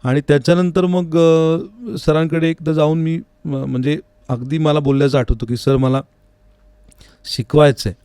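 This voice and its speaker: A music teacher giving an interview explains things in an earnest, reflective, conversational manner at a moderate pace. His voice is a little high, steady, warm, and smooth. It's captured in a recording studio with dry, close sound and no room sound.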